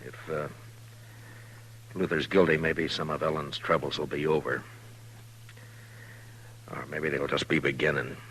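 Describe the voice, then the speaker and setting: Deep forceful voice, calm frontier marshal, American accent, laconic, dry, faintly noisy old radio western. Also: male voice. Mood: businesslike, sober. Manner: laconic, measured. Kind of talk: 1950s radio western acting.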